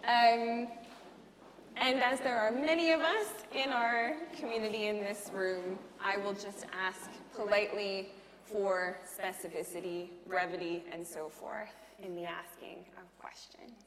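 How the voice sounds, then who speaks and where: A woman moderating an academic panel and inviting questions in a polite, measured way. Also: medium pitch, fairly even intonation. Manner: polite, measured, lightly laughing. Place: large lecture hall. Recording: echoey hall with faint noise.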